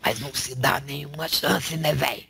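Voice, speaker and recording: A man channeling a male spirit who preaches in a slangy, raspy whisper, tagging lines with rhetorical questions. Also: mid-range voice, moderate pace, pushed and bright. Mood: preaching. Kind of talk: spiritual counsel.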